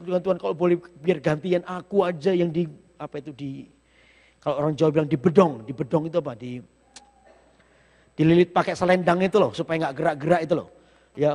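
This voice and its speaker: A man preaching a sermon in speech, telling a personal story with emotion and lively rhetorical questions. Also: high voice, creaky. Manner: emotional storytelling, sometimes breaks into slow song. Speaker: pastor. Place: church sanctuary. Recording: long reverb of a church hall.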